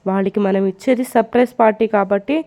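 A woman's voice: medium pitch, fairly even intonation, fast talker, dark tone, voice pushed down, close to an everyday voice. A woman voicing Nikhil, a hot-tempered young man who runs a hotel and talks in a brooding, commanding way, in a storybook reading.

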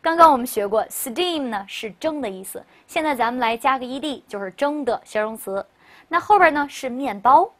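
A woman teaching a recorded lesson, brisk and chatty, leading repeat-after-me word drills and asking rhetorical questions. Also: high-pitched, lively intonation, a bit bright. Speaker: English teacher. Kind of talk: recorded classroom lecture.

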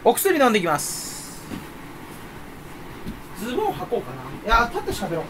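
A young man rambling in a casual solo chat from his room at home, self-mocking and jumping between topics with sudden loud bursts. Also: very high voice, huge pitch swings, normal speed, background noise. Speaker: streamer chatting solo.

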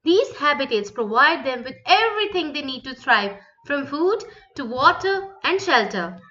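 A woman's voice: high voice, sharp tone, muffled recording. A woman reading scripted nature documentary narration for children in a presentational, explanatory manner. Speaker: narrator of a children's educational animal video.

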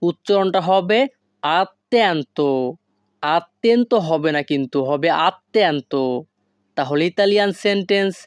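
A Bengali-speaking language teacher giving a slow, careful lesson, breaking each foreign phrase into single words. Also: medium pitch, clean tone, dry recording, clean studio sound. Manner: slow and deliberate, spells out foreign words piece by piece. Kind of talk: instructional lesson.

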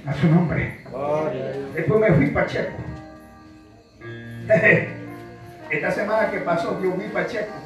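A Panamanian pastor preaches with fervor, his high, bright voice rising into shouted refrains. He is recorded from a distance in a strongly echoing church, with faint music underneath. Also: slow pace, long pauses. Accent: Panamanian Spanish. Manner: fervent preaching, shouts refrain between anecdotes. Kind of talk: sermon with storytelling. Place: large echoey church. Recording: echoey church hall, distant mic, music.

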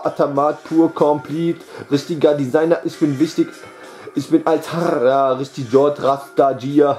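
A man with a high, mellow voice chants a loose, boastful freestyle rap. He circles back to the same catchphrases over and over in a rambling flow. The sound is roomy and echoey, with a faint beat underneath. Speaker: amateur rapper. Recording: echoey room with faint music.

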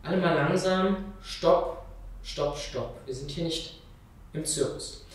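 A man voicing a calm, patient snake mother. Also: a little high, slow, voice pushed up. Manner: soothing, firm. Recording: very echoey room, mic far off.

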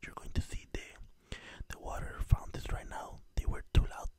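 A man whispering an ASMR travel vlog in a hotel room, talking loosely with frequent "you know" fillers and recorded without his usual microphone. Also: normal speed. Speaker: ASMR vlogger.

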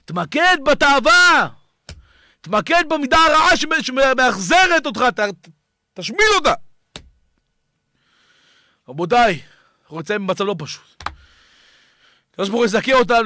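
A rabbi preaching a fiery sermon, shouting and pleading, swinging between loud cries and hushed tones. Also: male voice, very high voice, no echo. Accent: Israeli Hebrew. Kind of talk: impassioned sermon.

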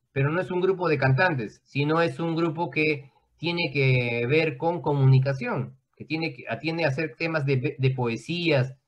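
A man with a fairly high voice teaches a class over a video call. He explains at length in a loose, conversational way and keeps checking in with his students. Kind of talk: online class lecture.

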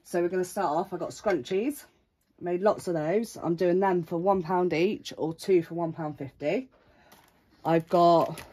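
This casual vlog features a woman at an indoor craft table, displaying her handmade creations and naming what each one costs. Her low-pitched voice is a little mellow, though congested and blocked up from a cold, and her tone is chatty.

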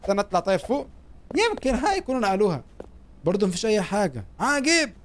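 A young Egyptian-accented man rattles off gameplay commentary at a quick clip, his voice leaping up and down with excitement. He jokes in street slang and yelps when something startles him. There is clear noise in the background behind the voice. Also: high voice. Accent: Egyptian Arabic. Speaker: gaming YouTuber.

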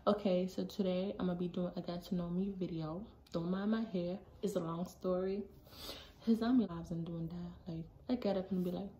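A teenage girl from Jamaica talks straight into her phone camera, chatty and animated, tossing in quick asides. Her voice sits a little low for a girl. The small bedroom gives it an echoey ring with a faint hiss behind. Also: dull audio. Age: teens. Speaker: vlogger. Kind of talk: casual chat to camera. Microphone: phone camera at arm's length. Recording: echoey room, faint background noise.

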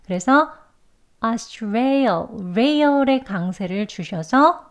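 Patient female pronunciation teacher, native Korean speaker, mid-pitched voice, drawn-out demonstrations of sounds. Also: lively intonation, lo-fi sound. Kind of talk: pronunciation lesson.

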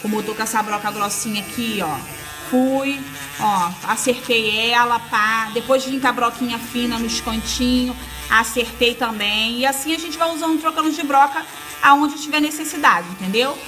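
A Brazilian nail technician instructor gives a casual, hands-on nail tutorial, recorded on a phone camera at a salon table over music. Her voice is on the high side at a normal speed, and she's chatty and reassuring, calling her viewers girls and friends.

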